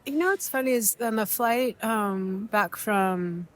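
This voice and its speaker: This podcast co-host is a young woman from Mexico whose first language is Spanish, and her mid-range voice moves at an unhurried pace. Recorded in an airport waiting area, she drifts through reflective, casual conversation, often restarting and using fillers.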